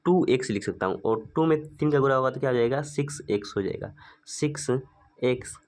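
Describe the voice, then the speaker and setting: A man teaching a maths lesson, slowly working through a problem step by step and asking himself rhetorical questions. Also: medium pitch. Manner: asks rhetorical questions and answers them; slow, stepwise working-through.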